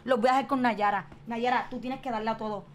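Playful high-voiced woman streamer. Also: steady tone, fast talker, slight background noise. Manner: playful, theatrical, shifts into bursts of shouting. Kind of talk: casual live-stream chat.

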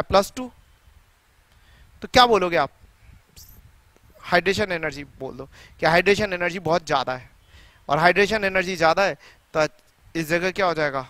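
High, bright-voiced middle-aged male teacher. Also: dry recording. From India. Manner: keeps quizzing students with rhetorical questions; repeats key points for emphasis. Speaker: chemistry teacher. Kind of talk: classroom lecture.

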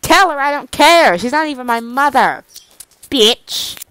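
A woman's voice: mid-range voice, very animated, slow, a bit bright, dry recording, rough recording. Scaramouche, a swearing young hothead, voiced by a woman. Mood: angry. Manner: snappy, swears constantly. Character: hot-tempered young male groom, foul-mouthed. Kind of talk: fan audio drama.

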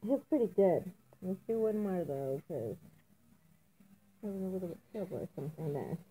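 A woman's voice: on the low side, expressive, a little fast, mellow, slight background noise, low-quality recording. A young woman talking casually through a gas mask, rambling with lots of fillers. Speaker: vlogger. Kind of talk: casual chat to camera. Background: music playing.

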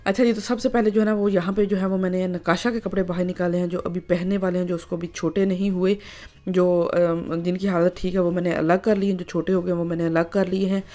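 A woman's voice: fairly low pitch, level tone, brisk, mellow, soft background music. A woman, narrating her home vlog in a chatty way, full of filler phrases. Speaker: vlogger.

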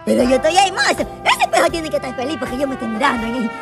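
A performer voicing a cheeky, excitable little cartoon boy, shrill and giggly, over loud music. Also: very fast. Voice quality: squeaky, shrill.

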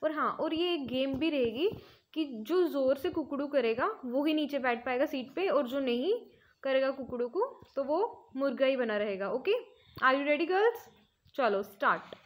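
A woman's voice: high-pitched, animated, unhurried. A young woman, a tuition teacher giving playful, bossy instructions to her students in a casual vlog. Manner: bossy, playful, mixing Hindi and English.

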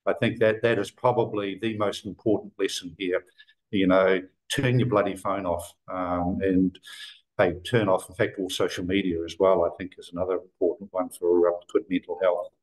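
An older man from New Zealand, speaking with a lowish voice as a guest on a video call. He rambles in an easy conversational way, full of fillers, restarts and small detours. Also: steady tone, normal speed, low-quality recording. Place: office room indoors.

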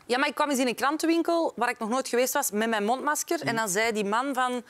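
A woman's voice: fairly high pitch, fast talker. A woman on a quiz show panel telling a short anecdote with laughter. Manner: laughing storytelling. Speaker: jury panelist. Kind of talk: anecdote in studio banter. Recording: loud background noise.

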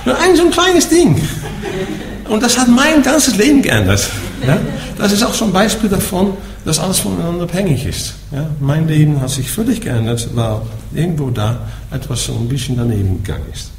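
Speaking German with a Dutch accent, this man from the Netherlands teaches Buddhism to a group in a rather high, very animated voice, moving fairly quickly. He explains patiently and checks in with "ja?" after almost each point. The echoey room carries a little background noise.

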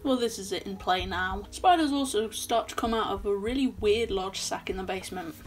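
A young woman film reviewer recaps a horror movie in a casual, chatty style full of sarcastic asides, filmed at her desk in a small bedroom. Her mid-range voice runs a little fast, with faint music in the background.

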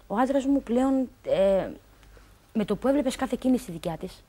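A woman's voice: fairly high pitch, lively intonation, mellow. A woman telling a personal story on a talk show, rambling along, quoting what others told her and filling gaps with stock phrases.

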